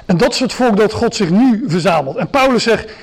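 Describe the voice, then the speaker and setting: A man's voice: sits high, expressive, brisk, slightly rough. A man preaching a sermon to a gathering, explaining step by step with frequent hesitations and restarts.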